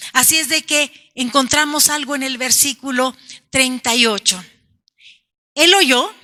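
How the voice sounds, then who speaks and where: Slow-preaching high-voiced woman pastor. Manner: preaching emphatically, calling out lines as shouts; addresses congregation as brothers and sisters. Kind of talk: sermon. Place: church.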